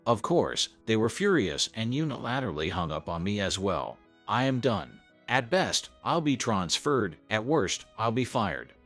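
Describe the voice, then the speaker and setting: A man's voice: lowish voice, big pitch swings, a little slow, hardly any pauses. A man narrating a first-person story in an earnest, scripted way. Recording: soft background music.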